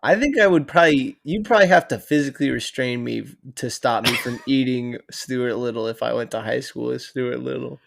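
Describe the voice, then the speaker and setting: A man co-hosting a comedy podcast, delivering deadpan mock announcements. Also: medium pitch, a little fast, creaky, few pauses. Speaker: podcast co-host. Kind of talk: casual comedic chat.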